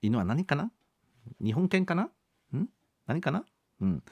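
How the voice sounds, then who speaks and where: A man in his fifties hosts a radio show and works through listener letters, polite and a little self-mocking. His pitch rises and falls in a lively, animated way. The studio sound is close and completely dry. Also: takes it slowly, slightly rough, no echo, muffled recording. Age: 50s. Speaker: radio host.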